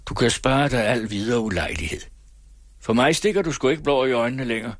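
A man voicing a blunt, scornful young farmhand who speaks gruffly. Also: mid-range voice, dry recording, clean studio sound, pitched above the performer's own voice, natural voice. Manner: gruff and curt.

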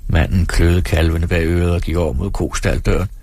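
Male audiobook narrator, husky and low, measured delivery, dry close mic. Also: no room sound. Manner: steady, measured reading.

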